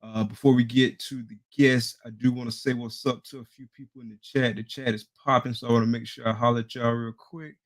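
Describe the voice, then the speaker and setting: A man's voice: medium pitch, little pitch movement, brisk, few pauses. A man hosting a live interview stream, greeting viewers by name in slangy, hyped talk before bringing in his guest. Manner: hyped, slangy, shouting out chat names. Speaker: podcast host.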